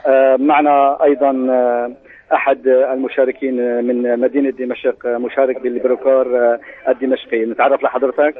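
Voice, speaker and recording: A man with a Syrian Arabic accent doing halting live field interviews for radio over a muffled line. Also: mid-range voice, level tone. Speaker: field reporter.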